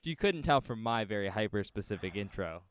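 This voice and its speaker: Smooth-voiced, teasing man on a podcast. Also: on the low side, very animated, a little fast. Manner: teasing, laid-back, laughs often. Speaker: podcast co-host. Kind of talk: casual chat.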